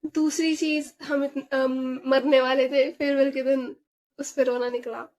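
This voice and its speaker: A young woman with a high voice tells a story from her own life in a casual vlog. She talks in an animated way, mixes in English words and fills pauses with small sounds. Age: young adult. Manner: animated, mixes Hindi and English, many fillers. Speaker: vlogger.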